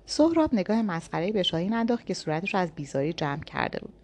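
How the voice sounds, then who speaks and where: A woman reads a novel aloud in the first person. Her voice is slightly low, and her telling stays calm and inward. She sounds like an audiobook narrator.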